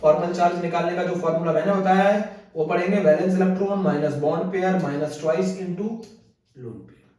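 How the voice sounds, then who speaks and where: A man's voice: sits high, fairly even intonation, a little slow, a little mellow. A man teaching a chemistry class, asking his students questions and answering them over and over. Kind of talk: classroom lecture. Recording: echoey room, mic far off.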